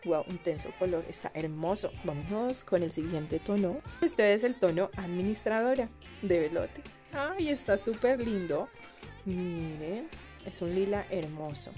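A woman's voice: fairly low pitch, animated, measured pace, darkish tone, soft background music. Gushing Colombian woman unboxing. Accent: Colombian Spanish. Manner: gushing, exclamatory. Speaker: beauty vlogger. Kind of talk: chatty product unboxing.

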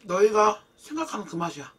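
A woman's voice: medium pitch, sing-song, brisk, recorded from a distance, a little hiss or hum. A woman hosting an eating show, humming with her mouth closed while chewing and making blunt, slangy remarks between bites. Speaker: mukbang host. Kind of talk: casual eating show chat.

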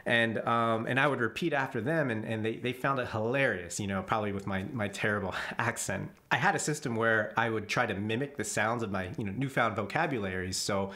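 A man's voice: on the low side, fairly quick, few pauses, sharp tone. Chuckling man telling jungle stories. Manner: chuckles often, many restarts. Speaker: vlogger telling jungle memories. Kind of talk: casual storytelling voice-over. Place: voice-over, not recorded in the jungle.

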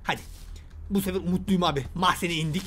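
A man's voice: high voice, fairly even intonation, quick pace, fairly bright tone, slight background noise. A man giving exasperated gameplay commentary, talking to himself and his viewers as a gaming YouTuber.

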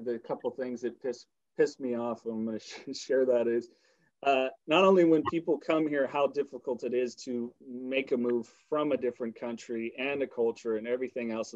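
This podcast host runs a casual interview in long, rambling turns, speaking bluntly and swearing freely. His voice is medium-pitched and a little mellow. The sound is lo-fi with no room sound.

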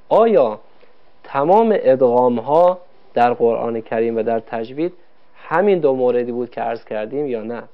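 A man teaching Quran recitation rules in a formal televised lesson, polite and explaining step by step with questions to viewers. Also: mid-range voice. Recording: dull lo-fi broadcast audio.

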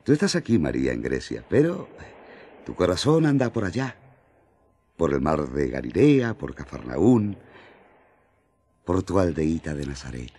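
John, a fervent, very animated disciple. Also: male voice, extremely low pitch, breathy edge, heavily acted. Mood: teasing, coaxing. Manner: emphatic, halting with eagerness, coaxing. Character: John the apostle, earnest, fervent, excitable male disciple. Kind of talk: radio drama acting in colloquial Spanish.

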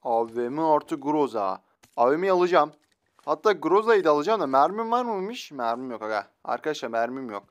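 A man's voice: fairly high pitch, sing-song, a little fast. A young man giving playful, slangy commentary while playing a shooter game, teasing his opponents. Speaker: gaming YouTuber.

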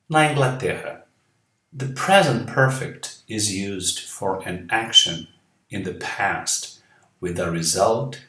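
Slow, deliberate man teaching grammar. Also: on the low side, a bit bright, recorded from a distance. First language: Portuguese. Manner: slow, deliberate explanations with English examples read out slowly. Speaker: English teacher. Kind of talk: video grammar lesson. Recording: roomy sound from off the mic.

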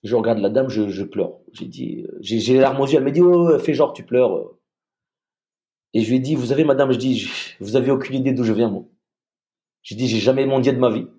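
Man from Madagascar, podcast guest, halting speech, repeats words, dark mellow voice. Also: medium pitch. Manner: halting, repeats words, quotes others in dialogue. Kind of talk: emotional personal storytelling.

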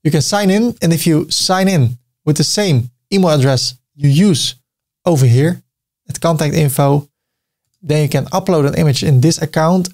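In this screen-recorded software tutorial, a middle-aged Dutchman with a Dutch accent shows how to build a website. His voice is a little high with a darkish tone, and he keeps things friendly and talkative, slipping in small jokes as he clicks around.

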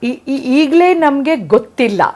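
A woman's voice: high-pitched, expressive, measured pace, darkish tone. Earnest woman doctor explaining. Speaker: doctor, studio guest. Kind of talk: expert answering on a call-in show.

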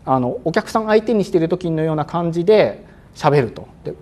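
A male exam prep instructor giving a lecture, speaking crisply and a bit loudly on purpose, with frequent fillers, sometimes acting out examiners. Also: fairly high pitch, lively intonation, fairly quick. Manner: acts out examiners and exam-day self-talk.

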